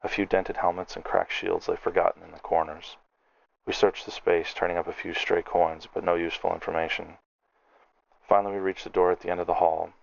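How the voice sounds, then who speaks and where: Man, very deep voice, fantasy audiobook narration, steady descriptive reading, muffled lo-fi recording. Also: fairly quick, creaky, no room sound.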